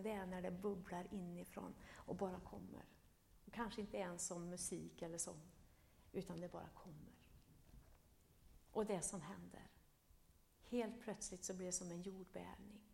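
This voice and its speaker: A woman preaching a sermon, retelling a Bible story, swinging between loud emphasis and hushed whispers. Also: medium pitch, creaky. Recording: echoey room.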